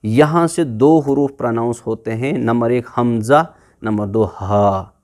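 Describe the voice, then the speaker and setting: Slow-talking man teaching letter sounds. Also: mid-range voice, darkish tone. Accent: Urdu-speaking. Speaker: Quran recitation teacher. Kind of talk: slow explanatory lesson on letter pronunciation.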